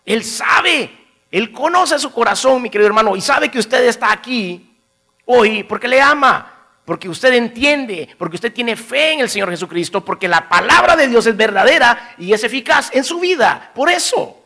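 A man preaching a sermon in an animated way, asking his congregation questions and chuckling between phrases. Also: very high-pitched, normal speed.

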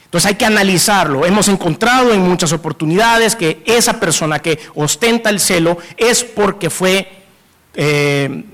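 A male pastor preaching a sermon in an animated way, acting out jealous couples in quick asides. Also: sits high.

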